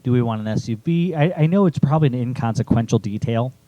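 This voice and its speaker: A writer presents his own chapter to co-hosts in a casual critique discussion, talking informally and thinking aloud. His mellow, medium-pitched voice moves fast with lively intonation, and there is no room sound.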